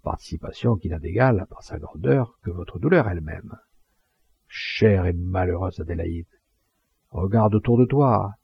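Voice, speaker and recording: A man's voice: deep voice, animated, unhurried, gravelly, breathy edge, no room sound, exaggerated voice. A man voicing a pompous, talkative townsman who gives grandiloquent funeral speeches, in a dull lo-fi recording. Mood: solemn.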